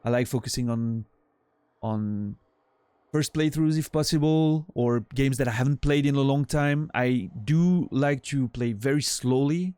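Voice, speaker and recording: An unhurried man speaks at medium pitch, his tone darkish, clear and resonant, with no room sound in the recording. Around forty and from French-speaking Switzerland, he carries a Swiss French accent while rambling loosely to his stream chat, self-deprecating and drifting off with fillers.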